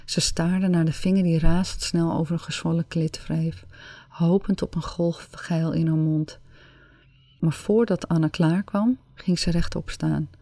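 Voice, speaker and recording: A woman narrating an erotic story in a slow, sensual, drawn-out reading. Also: low-pitched, steady tone, warm tone, dry recording.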